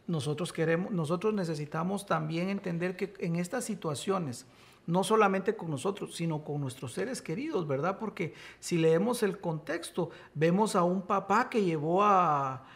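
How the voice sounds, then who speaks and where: Gravelly-voiced male preacher teaching Scripture. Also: high-pitched, moderate pace. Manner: emphatic, rises to exclamations. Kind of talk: sermon-style Bible teaching.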